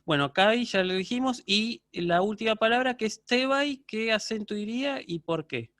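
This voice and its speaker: A man's voice: high-pitched, moderate pace, a bit bright, dry recording, clean studio sound. A man teaching a university Greek class over a video call, patiently checking in with his students. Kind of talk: online lecture.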